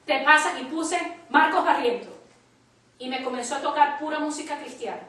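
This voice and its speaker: High-voiced woman preaching in an echoing hall. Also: fairly even intonation, normal speed, a bit bright. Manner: emphatic, storytelling with quoted dialogue. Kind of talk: Spanish church teaching. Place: church hall. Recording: echoey church from far off.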